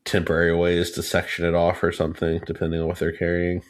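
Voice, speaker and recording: A man co-hosting a podcast, reading a technical report aloud in a steady, measured way and chatting casually. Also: low-pitched, no echo, studio quality. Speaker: podcast co-host.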